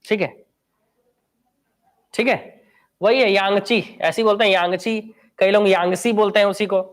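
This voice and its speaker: A man's voice: high voice, fairly even intonation, moderate pace. A man teaching an online exam-prep class, chatty, quizzing his students and answering himself. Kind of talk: live online class lecture.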